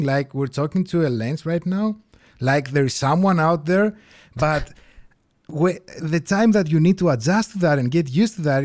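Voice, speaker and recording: A man in his thirties from Greece with a Greek accent, chatting animatedly as an interview guest and laughing often. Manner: animated, laughs often, shifts pitch freely. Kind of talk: casual interview chat.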